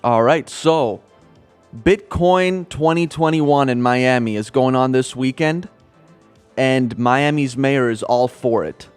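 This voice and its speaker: Casting: male markets commentator raised in Kenya, even delivery, faint music. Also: mid-range voice, takes it slowly, clear, resonant tone. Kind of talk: financial news talk.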